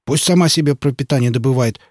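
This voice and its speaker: A male narrator voicing a gruff, blunt village tractor driver who answers loudly. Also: medium pitch, quick pace, dry recording, clean studio sound, lightly acted. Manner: loud blunt retorts.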